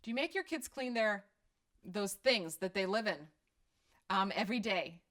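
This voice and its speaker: Speaking in a mid-range, expressive voice at a moderate pace, this middle-aged woman from Croatia sounds a bit bright. She has a slight Croatian accent and talks casually about parenting on a live stream, answering viewers' questions with candor and self-deprecating humor.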